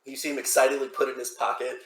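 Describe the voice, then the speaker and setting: A man's voice: medium pitch, level tone, racing, fairly bright tone, echoey room, low-quality recording. A man narrating as game master of a tabletop game, rambling loosely with many restarts.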